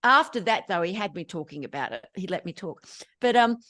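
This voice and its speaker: An Australian woman telling lively stories as an interview guest, often laughing between anecdotes. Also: fairly low pitch, a little fast, no echo, studio quality. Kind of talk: storytelling in casual interview chat.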